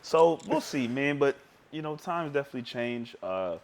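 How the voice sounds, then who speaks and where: A man with a mid-pitched voice co-hosts a casual podcast. He is easygoing and reflective, and he repeats a phrase to drive a point home. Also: animated, moderate pace, gravelly. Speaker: podcast co-host.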